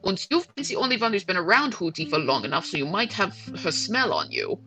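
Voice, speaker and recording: A woman talking as a player in a tabletop roleplaying game, in animated discussion. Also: fairly low pitch, fairly quick. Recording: music behind the voice. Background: music.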